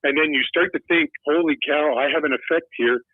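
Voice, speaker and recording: A man's voice: on the high side, a little fast, no echo. An older man from Quebec calling in to a radio show, talking in an earnest, personal way. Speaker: caller. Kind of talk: phone-in caller. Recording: tinny phone line.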